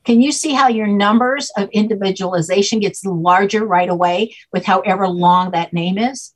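An older woman with a husky, slightly breathy voice talks a guest through her ideas over a video call. She sounds patient and teacherly, building points step by step and pausing to check with "okay?". Her pitch sits in an ordinary middle range. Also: poor audio. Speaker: guest name expert. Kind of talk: explanatory interview talk. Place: home room, on a video call.

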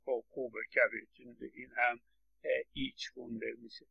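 A man's voice: medium pitch, level tone, creaky, bright, forceful tone, slightly rough, highs cut off. A middle-aged man lecturing on English phonetics, explaining patiently and stressing words as he repeats examples, with English words spoken. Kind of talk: recorded lecture.

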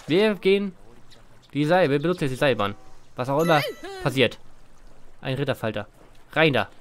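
A man with a voice on the high side hosts a let's play at a moderate pace, casually commenting on the game. He playfully reads its text aloud and jokes as he goes, over faint game music. The recording has a little hiss or hum.

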